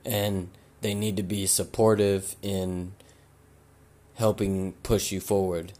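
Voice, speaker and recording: A man hosting a podcast, giving blunt, casual advice and swearing freely, while he loses his voice and keeps clearing his throat. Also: sits low, level tone, slow, warm tone. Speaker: podcast host.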